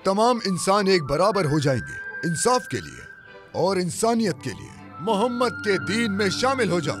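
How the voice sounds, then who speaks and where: A man's voice: sits high, sing-song, unhurried, over music. A man voicing a devout, fearless male preacher in a dubbed film, proclaiming his faith with fervor. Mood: fervent. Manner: fervent, proclaiming. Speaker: dub actor. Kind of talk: Urdu film dubbing. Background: film score.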